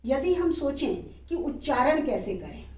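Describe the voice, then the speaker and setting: A middle-aged woman teaching a grammar lesson, slowly sounding out word pairs and checking that students follow. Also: high-pitched, big pitch swings, a little mellow, recorded from a distance. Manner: slow, drawn-out word-by-word pronunciation drills; checks in with students, asking "clear?". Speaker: Hindi teacher. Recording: echoey room, voice away from the mic.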